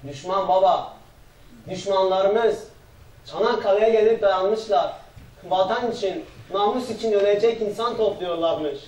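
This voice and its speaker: A man's voice: sits high, a little slow, darkish tone. A man playing a dutiful grown son of a village family in a stage drama. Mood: grave. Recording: echoey, distant, faint background noise.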